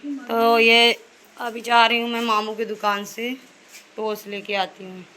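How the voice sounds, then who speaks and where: A vlogger and mother chats casually to her audience, addressing them as "guys," in a family vlog filmed on her phone indoors at home as she handles her children. Her fairly high voice is level in tone, pushed and bright, and a little slow.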